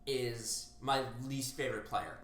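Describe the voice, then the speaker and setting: Halting, filler-heavy male co-host. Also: mid-range voice, fairly bright tone, roomy sound. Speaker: podcast co-host. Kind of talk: casual comedic chat.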